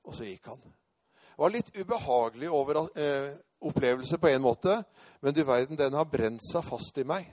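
A male preacher telling a personal testimony in a sermon, storytelling and rising to loud proclamation. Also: fairly high pitch, animated, no room sound, studio quality.

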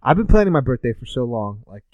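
Lively casual young man, dry close sound. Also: quick pace, dry recording, highs cut off. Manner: joking, does high silly impressions. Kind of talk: casual chat.

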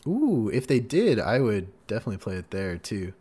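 A man's voice: fairly low pitch, big pitch swings, a little fast, warm tone, slightly rough. A man hosting a casual gaming podcast, chatty and upbeat, reading out segments and riffing with his co-host. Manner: upbeat, chatty, sings little jingles.

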